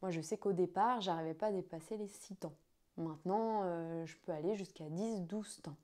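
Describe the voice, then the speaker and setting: A woman's voice: lowish voice, moderate pace, mellow. A woman speaking as a yoga teacher, giving an instructional explanation to students.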